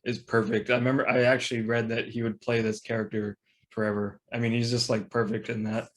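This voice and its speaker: Podcast guy, mid-pitched voice, laughs a lot and just chats. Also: level tone, brisk. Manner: laughs easily, loose and chatty. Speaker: podcast co-host. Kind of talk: casual chat.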